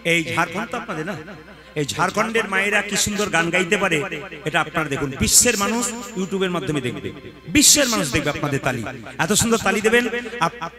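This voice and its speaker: A man leading a village kirtan gathering, playful and coaxing, laughing between lines. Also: high voice. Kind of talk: devotional kirtan call-and-response with banter.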